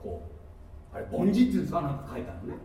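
High, lively-voiced preacher man in an echoey hall. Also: racing, a crowd in the background. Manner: emphatic, asks the congregation questions. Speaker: pastor. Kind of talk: sermon. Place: church hall. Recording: echoey hall, mic set far off.

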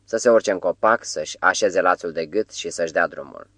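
A man's voice: low voice, a bit bright, no room sound. A man reading a stern mountain chieftain. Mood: commanding. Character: stern male mountain band leader, commanding.

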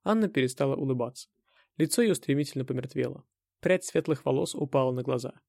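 A man reading a dramatic first-person audiobook in a tense, measured way. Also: medium pitch, vocal fry, dark tone, dry recording, clean studio sound. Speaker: audiobook narrator.

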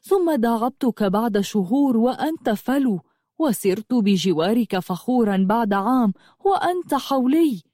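A woman voicing an earnest adult horseman who speaks tenderly and in hushed tones to his beloved horse. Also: extremely high pitch, lively intonation, normal speed, no echo, studio quality.

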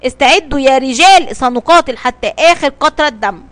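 A calm, resolute male sea captain gives orders firmly in a children's storybook, voiced by a woman. He speaks in measured tones on a high pitch. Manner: firm and measured. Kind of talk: storybook reading.

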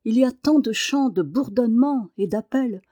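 A woman reading aloud and voicing a frail, excitable boy in a wheelchair, with eager breathless exclamations. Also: a little high, normal speed, dry recording. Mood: wondering.

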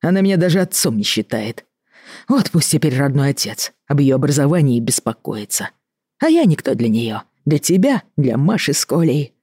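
Reader as a weary middle-aged doctor at the end of his rope; reproachful, husky, dry. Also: mid-range voice, big pitch swings, a little mellow, no room sound. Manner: tired, reproachful, measured. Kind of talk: audiobook reading.

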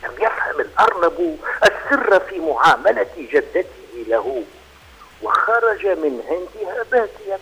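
A man on children's radio, narrating a story in an expressive, animated way. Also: sits high, unhurried, slightly rough, poor audio.

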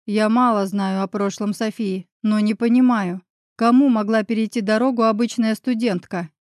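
A woman reading the lines of a protective man who growls at his rival and tenderly comforts the heroine, with a gruff, commanding delivery. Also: medium pitch, fairly even intonation, normal speed, darkish tone, dry recording, clean studio sound, natural voice. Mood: protective stern.

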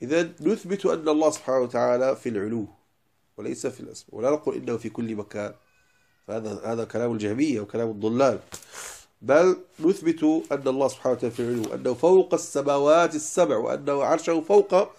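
Fast, emphatic male religious teacher. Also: mid-range voice, vocal fry. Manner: emphatic, stresses single words then drops to quiet asides. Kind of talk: lecture explaining a didactic poem.

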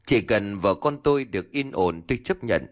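A man's voice: lowish voice, animated, moderate pace, close to an everyday voice. A man voicing a frantic, devoted young village husband who stammers and pleads in a ghost story. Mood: begging.

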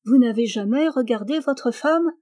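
A woman's voice: fairly high pitch, normal speed, voice pushed up, close to an everyday voice. A woman voicing a young princess who teases her husband playfully. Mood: teasing. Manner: teasing, lively.

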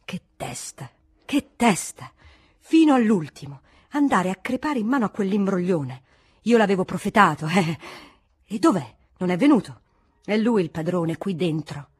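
A woman's voice: medium pitch, very animated, moderate pace, slightly rough, no room sound, clean studio sound. Woman playing a blustering irascible old monk. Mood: indignant. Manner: loud, scolding, indignant outbursts. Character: blustering sweaty middle-aged male monk, irascible.

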